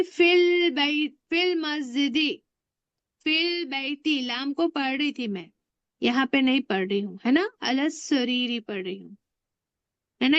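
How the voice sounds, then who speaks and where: A woman's voice: high-pitched, no room sound, muffled recording. A woman teaching Arabic grammar in an online class, patiently drilling words and asking her students questions. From India. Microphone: online class audio.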